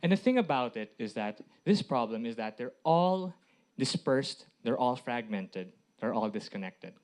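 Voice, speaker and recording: An IT director from the Philippines gives a public presentation in short phrases, often posing rhetorical questions. His mid-range voice is very animated, a little slow and a little mellow.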